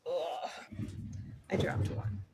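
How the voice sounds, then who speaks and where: A woman giving a casual, encouraging tarot reading from her desk, chatty and quick to laugh. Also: background noise. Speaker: tarot reader.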